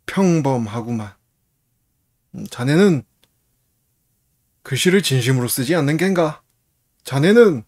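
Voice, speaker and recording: A man's voice: on the high side, darkish tone. A man doing a stern old calligraphy master. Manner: slow, measured, condescending. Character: stern old male calligraphy hall director.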